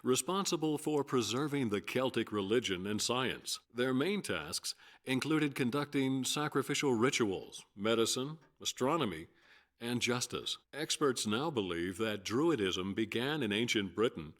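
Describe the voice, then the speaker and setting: An actor playing an earnest male scholar in a video game, speaking in a measured, lecturing way. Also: mid-range voice, expressive, fairly bright tone. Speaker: game character.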